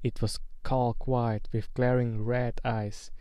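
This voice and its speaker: Slow, mellow male storybook reader. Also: mid-range voice, little pitch movement, smooth, dry recording. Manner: slow, measured and dramatic. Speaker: narrator. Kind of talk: reading a novel aloud.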